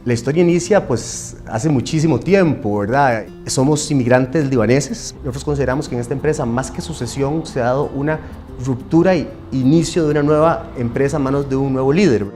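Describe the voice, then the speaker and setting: Costa Rican businessman, mellow storytelling voice. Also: mid-range voice, brisk, soft background music. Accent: Costa Rican Spanish. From Costa Rica. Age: 40s. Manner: conversational, frequent tag questions and fillers. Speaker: family business executive. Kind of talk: interview, storytelling.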